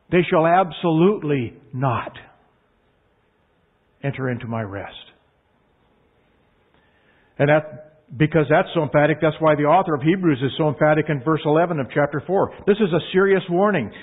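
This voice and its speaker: A man preaching a sermon in an earnest, emphatic way, leaning hard on key words. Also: fairly high pitch. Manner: earnest, emphatic, drawn-out stresses. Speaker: pastor. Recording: tinny phone-like line.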